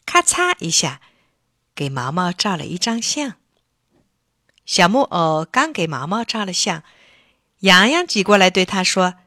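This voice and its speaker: Woman storyteller, bright, lively intonation, dry close sound. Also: on the low side, no echo. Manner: animated, expressive. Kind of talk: children's story reading.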